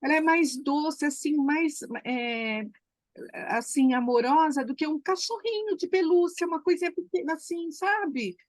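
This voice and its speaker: A woman's voice: high-pitched, unhurried, no room sound. A woman, a class participant telling a story with feeling and repeating words for emphasis. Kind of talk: emotional storytelling on a call.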